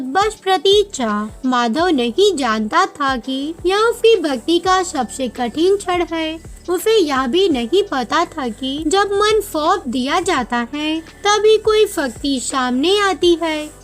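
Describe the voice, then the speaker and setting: A woman narrating a devotional story in a solemn, measured way, with faint music behind her. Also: sits high, fairly bright tone. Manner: slow, solemn, measured delivery. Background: faint background music.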